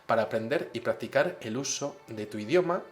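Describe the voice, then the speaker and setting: A man retelling a calm, friendly telepathic alien. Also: medium pitch, brisk, faint music behind, lightly acted. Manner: calm, reassuring explanations.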